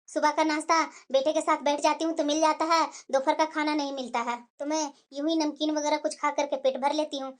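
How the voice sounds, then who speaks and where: A woman's voice: high voice, close to an everyday voice. Woman voicing a complaining old grandmother. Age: older. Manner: lamenting, plaintive. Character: old grandmother, worried and complaining mother-in-law.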